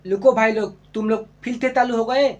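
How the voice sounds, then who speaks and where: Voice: mid-range voice, brisk, lo-fi sound, close to an everyday voice. Someone doing a lisping cartoon vegetable peacemaker. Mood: scolding. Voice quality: lisp. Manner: scolding, calming others down. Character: lisping male vegetable mediator, fussy.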